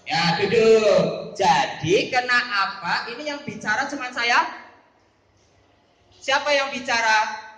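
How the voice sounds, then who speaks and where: Male Bible teacher for kids, very high voice, teasing and quizzing, roomy echo. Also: slow, long pauses, sharp tone. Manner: playful, calls on pupils by name and quizzes them. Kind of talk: classroom Bible lesson.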